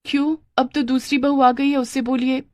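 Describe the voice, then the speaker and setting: A woman's voice: sits high, level tone, moderate pace, darkish tone, no room sound, studio quality, pitched above the performer's own voice, lightly acted. A woman doing a whiny, scheming young wife.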